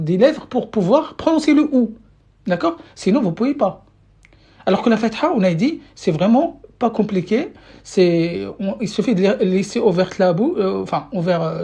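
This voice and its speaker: Teaching Arabic in French over a live stream, this woman speaks at a medium pitch with a slightly mellow quality. She keeps patiently repeating her questions for viewers, restarting often and using many fillers, all through a phone or webcam microphone.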